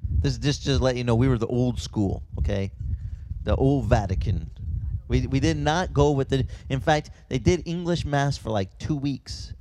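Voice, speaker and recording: Speaking outdoors, this pastor grew up with Italian and delivers his sermon like an animated story, chatting along with fast asides and frequent restarts. He has a mid-range voice, and the rough recording carries a slight background noise.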